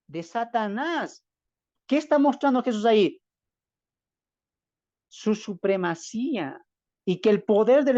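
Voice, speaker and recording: A man's voice: high voice, darkish tone. A man from Bolivia gives an emphatic, preaching-style Bible lesson over a video call. He keeps firing rhetorical questions at his listeners and answers them himself. The audio is dull and lo-fi, with a dry sound and no room echo. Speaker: Bible teacher.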